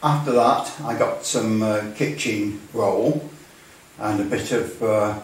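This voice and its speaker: A hobbyist presenter with a lowish voice narrates an informal how-to on restoration, his unscripted delivery halting and full of hesitations. A distant camera microphone picks him up in a hard-surfaced indoor workshop, so the sound is very echoey, distant and noisy.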